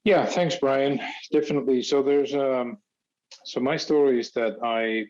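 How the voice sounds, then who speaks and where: A startup founder from Finland, talking as a guest in a hesitant way with many fillers. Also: male voice, medium pitch, unhurried, a little mellow, lo-fi sound.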